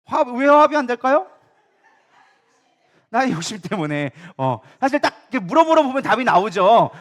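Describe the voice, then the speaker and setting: A man preaching a sermon as pastor, animated and acting out quoted complaints. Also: sits high. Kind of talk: lively sermon.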